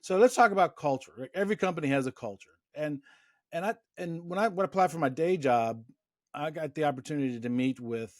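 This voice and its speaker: A middle-aged man with a fairly high voice, recorded dry and close. He talks as a casual interview host, wandering through anecdotes and restarting his sentences often. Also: animated, fast, dry recording.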